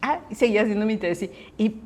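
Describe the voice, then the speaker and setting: A middle-aged woman hosting a conversation, telling a personal faith testimony in a lively way and often checking in with her listener. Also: mid-range voice, fast. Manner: lively storyteller who acts out quoted dialogue; often asks listeners to confirm. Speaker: host sharing a personal testimony.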